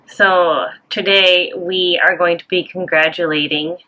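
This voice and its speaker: A woman's voice: fairly low pitch, fairly even intonation, measured pace, pushed and bright. A woman co-hosting a vlog in casual chat, upbeat and teasing. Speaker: channel co-host.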